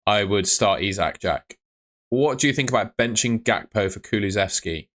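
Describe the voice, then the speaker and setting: A young man streams about fantasy football at home, answering viewer questions in a blunt, chatty manner while his voice gives out. It sits on the low side, fairly bright, at a moderate pace.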